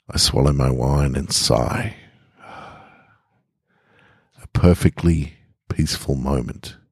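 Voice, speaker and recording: Still getting over a head cold that affects his bass voice, an Australian man hosts a podcast where he casually introduces and then narrates scripted short stories. His tone is darkish and husky, and the recording is dry with clean studio sound.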